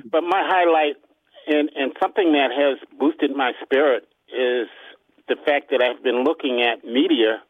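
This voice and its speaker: A man calling in to a talk radio show over the phone, talking haltingly and repeating words as he restarts. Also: a little high, no room sound. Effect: caller heard over a phone line. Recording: tinny dry phone line.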